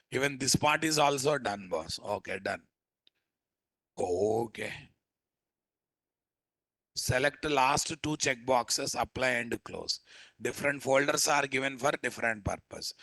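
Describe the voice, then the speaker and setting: Man, Telugu Indian accent, software instructor, bright forceful voice, dry close sound, informal, question-led teaching. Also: mid-range voice, no room sound. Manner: asks rhetorical questions, addresses learners informally. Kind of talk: live step-by-step software tutorial.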